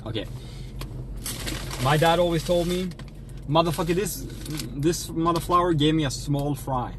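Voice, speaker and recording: A man's voice: on the high side, normal speed, a little hiss or hum, low-quality recording. Man in a jokey folksy drawl. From Sweden. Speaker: streamer. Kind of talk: casual livestream chat while eating.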